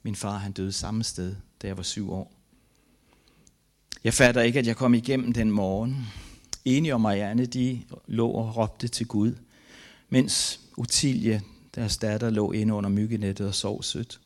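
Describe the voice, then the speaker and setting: An older man from Denmark, a missionary giving a testimony, reads aloud from his own memoir in an earnest, grief-laden and halting way. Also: on the low side, fairly even intonation.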